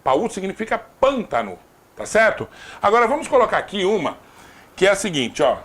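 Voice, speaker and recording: Lively Brazilian man teaching grammar. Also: high voice, normal speed. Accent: Brazilian Portuguese. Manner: lively, repeats "tá?" to check understanding, jokes aside. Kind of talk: recorded exam-prep grammar lesson.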